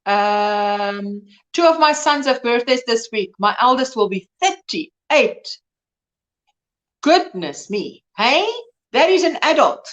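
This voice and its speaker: A woman in her early fifties hosts a live crochet chat, chatting casually with viewers and answering their comments as they arrive. Her voice sits a little high and swoops in very lively pitch. She laughs easily between remarks. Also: slow pace. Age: 50s.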